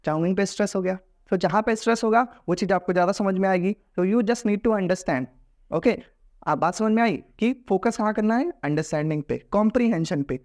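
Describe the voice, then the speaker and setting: A man with an Indian accent teaches a lesson casually, mixing Hindi and English as he explains. His voice sits high and is a little mellow, his delivery brisk, and he acts out example voices.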